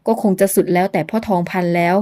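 A woman's voice: lowish voice, fairly even intonation, mellow, close to an everyday voice. A woman voicing an earnest young herbal doctor. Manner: earnest, measured pleading.

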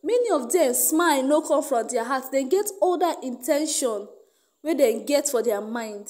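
Nigerian woman, gossip commentator; high-pitched, warm tone, emphatic Pidgin-laced delivery. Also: expressive, normal speed.

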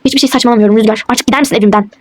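A woman's voice: a little high, fairly even intonation, rapid-fire, voice pushed down, close to an everyday voice. Woman voicing a cold defiant wife. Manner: curt, dismissive retorts. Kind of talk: toy role-play voice acting.

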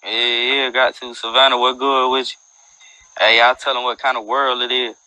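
Through an earbud headset mic on his phone, a young man streams at night from a dim room, mixing boastful street-slang chatter with freestyle rap. His medium-pitched voice stays level and moves at a moderate pace, pushed and bright. The audio is dry and rough.

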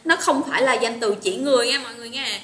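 A woman's voice: a little high, rapid-fire, bright, forceful tone. A woman teaching an English vocabulary lesson online, chatty and encouraging, greeting students by name. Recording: roomy echo with faint noise.

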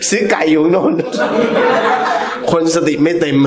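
Male religious class teacher, animated and humorous, voice on the higher side. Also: measured pace, over a noisy crowd. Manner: animated storytelling with laughter. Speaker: Islamic teacher.

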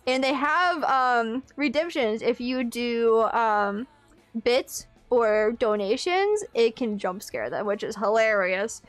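High-pitched playful young woman streamer. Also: lively intonation, slow pace, dry recording, soft background music. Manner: playful, giggly, exclamatory. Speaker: live streamer. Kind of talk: casual livestream chat with viewers. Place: small room at home, indoors.

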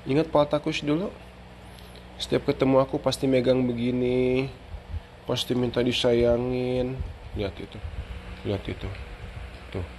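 A man's voice: medium pitch, fairly even intonation, unhurried, long pauses, a little mellow. Guy on a home live stream with his dogs, baby talk and chatty asides, noisy background. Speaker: dog owner and live stream host. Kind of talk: casual live stream chat.

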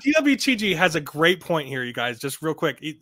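A middle-aged livestream host reads articles aloud and comments on them casually, in an emphatic, rambling way that often repeats phrases. His voice is fairly high and bright, very animated and brisk, with no room sound.

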